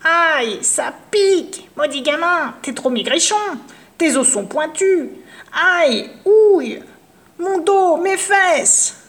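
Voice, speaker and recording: Lady putting on a sneaky old witch, squeaky and odd-sounding, fairy tale voice. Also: animated, slow pace, fairly bright tone, heavily acted. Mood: pained. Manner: wheedling and sly, then shrill and cursing. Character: cunning old female forest witch, sly and spiteful. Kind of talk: storybook character voice.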